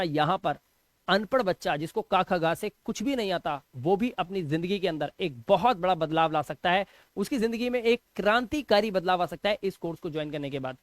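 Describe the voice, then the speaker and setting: A man's voice: high voice, no room sound. Male language tutor, repetitive drill-style delivery, dry close sound. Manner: repeats rules, asks and answers his own questions; channel outro with subscribe request. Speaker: English teacher. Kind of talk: spelling and pronunciation lesson.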